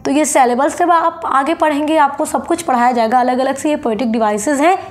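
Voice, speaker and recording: A woman teaching a literature lesson, glossing each term and reading English notes aloud slowly. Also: high voice. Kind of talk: exam-prep lecture.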